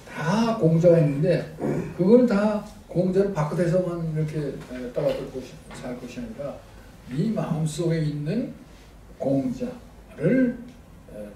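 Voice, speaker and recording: Slow, halting male lecturer, dark voice. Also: fairly high pitch. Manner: slow and halting, many fillers; reads from handout pages. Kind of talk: academic philosophy lecture. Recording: echoey room, distant mic, faint noise.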